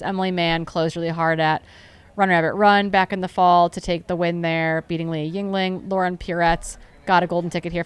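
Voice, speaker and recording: A woman's voice: lowish voice, clean tone. A woman commentating a live trail race, chatty and upbeat, often correcting herself.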